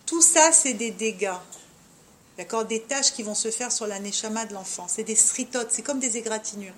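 High-voiced woman giving a lively religious lesson. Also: normal speed, slight background noise. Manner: speaks straight to her listener, peppered with Hebrew terms. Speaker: religious teacher of a women's class.

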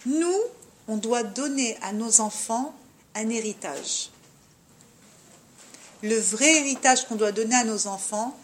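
A woman leads a lively religious class for women, addressing her listeners directly and sprinkling Hebrew terms throughout. Her voice is on the high side, with slight background noise.

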